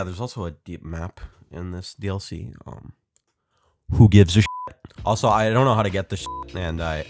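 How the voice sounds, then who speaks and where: A young man hosting a casual game review, rambling and self-mocking with lots of fillers. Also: lowish voice. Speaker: host.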